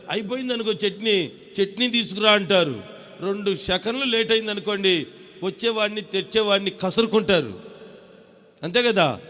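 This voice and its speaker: A man's voice: sits high, a bit bright, long reverb tail. A man pastor delivering an impassioned sermon, firing off rhetorical questions and calling for responses from the congregation. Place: church hall.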